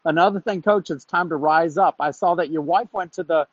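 A man's voice: a little high, a little fast, no room sound. A male caller on a phone call from a moving car, talking in an emphatic, preachy way as he hurries through his points. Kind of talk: call-in talk show chat. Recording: dull, muffled car phone line.

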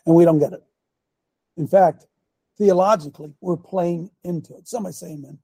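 Fairly quick and warm in tone, this older host's high-pitched, husky, gravelly voice delivers emphatic, preachy commentary, repeating himself, posing rhetorical questions and clearing his throat. The recording is dry and close.

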